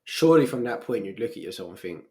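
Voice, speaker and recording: A man's voice: fairly low pitch, big pitch swings, fast, a little mellow. A man co-hosting a podcast in casual chat, blunt and slangy. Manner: blunt, slangy, drops into mock voices. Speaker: podcast co-host.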